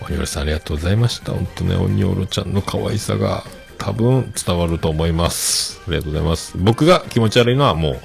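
A man hosting a casual podcast and reading listener mail, relaxed and chatty with many fillers and soft trailing ends, with a Kitakyushu accent. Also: sits low, fast, creaky, soft background music. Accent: Kitakyushu Japanese. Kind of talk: casual solo podcast talk.

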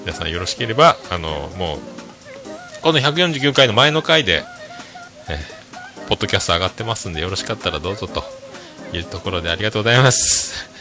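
A man's voice: low voice, expressive, quick pace, long pauses, bright, forceful tone, soft background music. A man hosting a casual podcast, chatting and reading out listener messages, with frequent filler tags and self-deprecating asides. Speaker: podcast host.

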